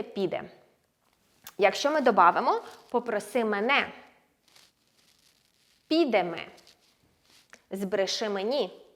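A woman teaching a language lesson, explaining patiently step by step and slowing down on example words. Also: medium pitch. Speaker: Spanish teacher.

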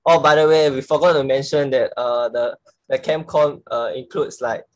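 A woman's voice: very deep voice, fairly even intonation, moderate pace, darkish tone, rough recording. A woman helps host a game. She speaks casually over an online video call. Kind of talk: casual chat co-hosting a game.

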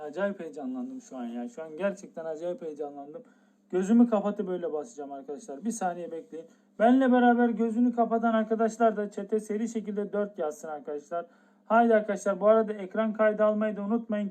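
A man's voice: high-pitched, a little mellow. A young man streaming a game live, talking to his chat and stretching out the build-up by repeating the same phrase again and again. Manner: drawn-out hype, repeats the same phrase over and over.

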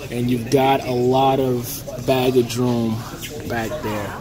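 Filming on a handheld phone inside a big indoor expo hangar, a male aviation vlogger leads a relaxed, chatty walkaround tour. His mid-range voice is peppered with "okay" and "uh" as he fills pauses, and music and crowd noise play behind him.

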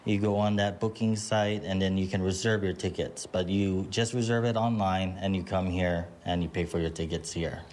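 Deep-voiced hesitant man interviewed on location. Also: little pitch movement, moderate pace, few pauses, a little mellow, slight background noise. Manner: hesitant, filler-heavy, casual. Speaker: haunted attraction organizer. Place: outdoor plantation village house.

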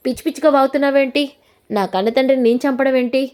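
A woman's voice: high-pitched, steady tone, a little mellow, clean tone, natural voice. A woman voicing a spoiled young woman who snaps back defensively in a storytelling recap. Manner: defensive, quick retorts.

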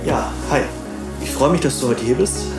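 Co-host: man, gravelly and lively, hesitant questions, echoey, faint music. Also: medium pitch, normal speed. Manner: hesitant, many fillers. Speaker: volunteer co-host. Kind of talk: interview questions.

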